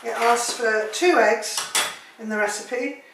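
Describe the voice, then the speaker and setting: Brief: woman home cook, higher register, talks nonstop with jokey asides, recorded in an echoey kitchen with clattering pots and cutlery. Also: takes it slowly, noisy background. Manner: chatty, rambling, jokey asides. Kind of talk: cooking demonstration.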